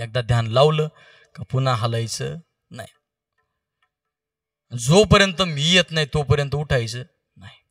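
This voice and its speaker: A man preaching a kirtan, telling a story and quizzing the audience with quick questions. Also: medium pitch, a bit bright, dry recording, clean studio sound. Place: kirtan gathering. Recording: distant mic with faint music.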